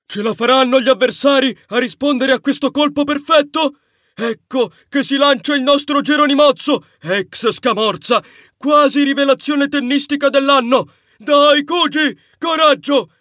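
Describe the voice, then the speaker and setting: A man voicing a loud, boastful male mouse cousin who calls a tennis match like a sports announcer, in hammy patter for an audiobook. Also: extremely high pitch, normal speed, no room sound, studio quality, pitched above the performer's own voice. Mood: hyped commentary. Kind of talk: audiobook character voice.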